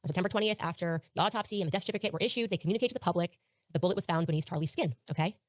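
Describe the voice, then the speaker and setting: A woman's voice: on the low side, rapid-fire, no echo. A woman speaking in heated commentary, urgent and insistent.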